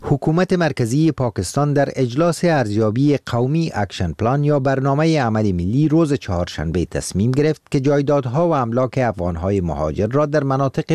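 Reporter guy, voice goes up and down a lot, mellow tone, dry studio sound. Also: mid-range voice, no room sound. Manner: formal, lively intonation. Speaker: radio reporter. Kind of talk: read news report.

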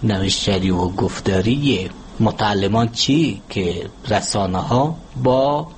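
A man, speaking as a language expert in an interview and explaining spelling and grammar in a measured, teacherly way with worked examples. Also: lowish voice, a little hiss or hum. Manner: measured, didactic, gives word examples. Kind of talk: formal explanatory interview answer.

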